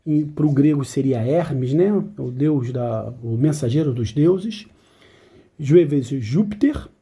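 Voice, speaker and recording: A man teaches a language lesson in a loose, conversational way, often checking in with his listeners. His voice is very dark and mellow, with a husky edge. He drops light self-deprecating asides as he goes. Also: mid-range voice, animated, slow pace. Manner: chatty and informal, with frequent tag questions. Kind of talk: explaining song lyrics in a language lesson.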